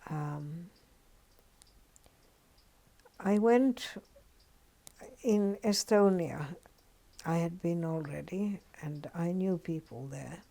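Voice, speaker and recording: Speaking with a Finnish accent, an older woman from Finland shares her story for an oral history interview. She is unhurried and thoughtful, pausing frequently, and her lowish voice carries vocal fry and a warm tone.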